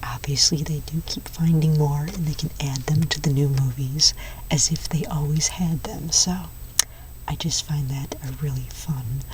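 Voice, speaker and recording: A whispered role-play of a nerdy, enthusiastic movie-store clerk , played by a woman. The voice is low and soft, rambling along without hurry. It sits a little away from the microphone, over faint background noise. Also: steady tone, moderate pace, recorded from a distance, natural voice. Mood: nerdy, fascinated. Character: chatty, nerdy movie-store clerk recommending sci-fi films.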